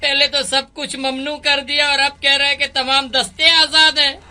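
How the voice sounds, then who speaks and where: Man dubbing a whiny, high-voiced grumbling soldier. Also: level tone, normal speed, background noise. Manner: whiny, sarcastic complaining. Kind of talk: film dub.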